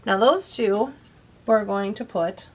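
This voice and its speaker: Her slightly rough, mid-range voice moves slowly as she explains a beading craft one step at a time. Easygoing and talkative while working, the woman sounds a little sniffly.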